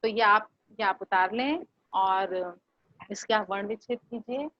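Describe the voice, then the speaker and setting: A woman's voice: mid-range voice, dry recording. Patient woman teaching over a video call. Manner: patient, slow, questioning students. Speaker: Hindi teacher. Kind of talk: online class lesson. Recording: muffled online class audio.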